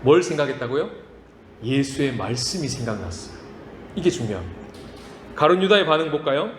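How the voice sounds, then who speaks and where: A man preaches in a church sanctuary, his voice riding high and swinging widely between quiet, drawn-out lines and loud, emphatic bursts. The hall answers with a long, roomy echo, and a faint hum of ambience sits underneath. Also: big pitch swings. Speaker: pastor. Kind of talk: sermon.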